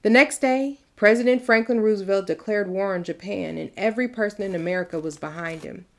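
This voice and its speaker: A woman with a medium-pitched voice reads a storybook aloud briskly, lightly acting the part of a proud, folksy mother. In emphatic, conversational first person she recounts wartime history, her mood reflective and earnest.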